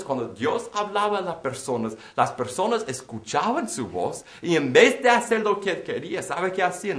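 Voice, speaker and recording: A man delivers a sermon in a high, light voice, weaving a story from his childhood into the message. The sound rings around an echoey room. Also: a bit bright. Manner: storytelling preacher, acts out quoted voices. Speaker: pastor.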